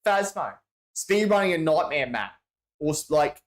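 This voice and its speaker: Reading out viewer messages on his livestream, an Australian man speaks unhurriedly in an expressive voice on the high side. His chat is casual and rambling, heavy on slang, with frequent restarts.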